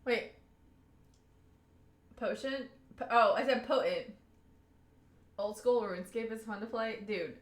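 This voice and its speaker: Speaking slowly with frequent pauses in a fairly high voice, a young Southern US woman talks casually to her stream viewers. She breaks into laughter often in the middle of sentences, and the sound is roomy.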